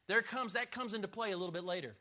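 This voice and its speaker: A man's voice: sits high, fast talker, pushed and bright. A middle-aged man preaching a sermon as a pastor, emphatic and punchy, joking and drawing call-and-response from the crowd.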